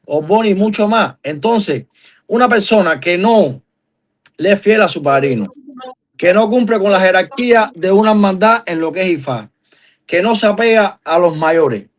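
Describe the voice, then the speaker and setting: A man's voice: high voice, animated, moderate pace. An earnest Cuban man speaking as a guest in a live-stream discussion, making emphatic points and asking long questions. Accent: Cuban Spanish. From Cuba.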